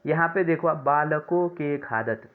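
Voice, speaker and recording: Guy teaching kids grammar, slow and repetitive, keeps saying sorry and fixing himself, tinny phone-ish audio. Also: a little high. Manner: slow, repeats words, corrects himself with "sorry". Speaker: Sanskrit teacher. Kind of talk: classroom lesson explaining grammar.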